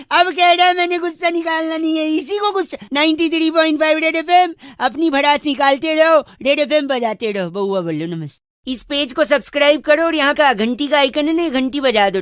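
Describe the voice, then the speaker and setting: A man's voice: extremely high pitch, a bit bright, no echo, studio quality. A man voicing Bauaa's kind of character, a nagging, mischievous prank caller who cheekily insists and repeats himself in comedy radio calls. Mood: scolding, insistent, then chirpy.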